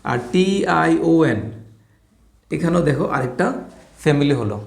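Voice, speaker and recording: A man's voice: fairly high pitch, lively intonation, a little slow, creaky. Playful man teaching English, echoey room. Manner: playful, explains with family jokes. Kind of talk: classroom lesson on a board.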